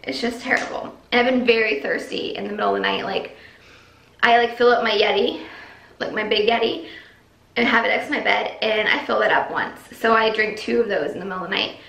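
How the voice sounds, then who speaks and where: A woman's voice: medium pitch, animated, a little fast, vocal fry, fairly bright tone. A young pregnant woman sitting at home, chatting casually through her vlog update, short of breath and rambling with lots of fillers. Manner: chatty, rambling, many likes. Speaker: vlogger. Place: empty nursery room at home, echoey. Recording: echoey bare room.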